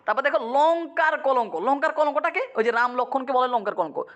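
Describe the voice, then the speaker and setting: A man, teaching a poem line by line. He asks quick check-in questions, repeats meanings, and sometimes slips into English. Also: very high voice, animated, fairly bright tone. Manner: dramatizes quoted lines, mixing in English. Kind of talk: poetry lesson, line-by-line explanation.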